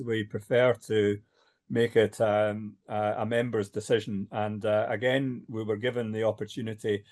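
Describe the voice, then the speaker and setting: A man's voice: medium pitch, a little mellow. An older man chairing an online meeting, hesitant with many fillers.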